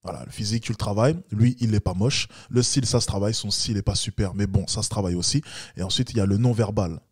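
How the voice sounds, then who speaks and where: A man's voice: fast talker, darkish tone, slightly rough, no room sound, studio quality. A man giving blunt, lecturing reaction commentary as a dating coach. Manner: blunt, lecturing, mocks with high-pitched imitations.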